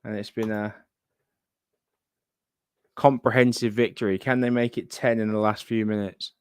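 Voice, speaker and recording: A man's voice: on the low side, level tone, moderate pace, clean tone, no room sound, clean studio sound. A man chatting casually as host of a live gaming stream, thinking aloud and muttering asides to himself. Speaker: livestream host.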